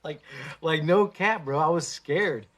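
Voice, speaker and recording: A man hosting a casual livestream, talking in a profane, slangy and animated way into a phone. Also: on the high side, a little slow. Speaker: livestream host.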